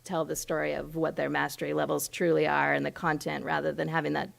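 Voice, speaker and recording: A woman's voice: low voice, level tone, fast, gravelly. A woman administrator giving a formal presentation at a board meeting, confident and polished. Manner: confident, polished talking points.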